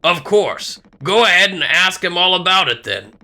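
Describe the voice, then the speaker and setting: A man's voice: high voice, animated, moderate pace, sharp tone, pitched above the performer's own voice, exaggerated voice. A man voicing a sarcastic, sour male crewman. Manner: sarcastic, dry.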